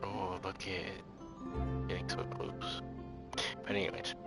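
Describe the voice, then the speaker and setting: Video game music plays behind a man's low, level voice as he speaks slowly. Chatting casually on his gaming livestream, he rambles and swears in loose slang.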